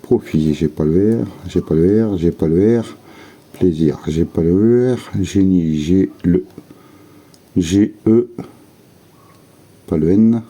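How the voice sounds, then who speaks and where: A man's voice: low voice, slow, long pauses, mellow, breathy edge. A man giving casual, methodical running commentary while scratching lottery tickets, murmuring letters and words to himself.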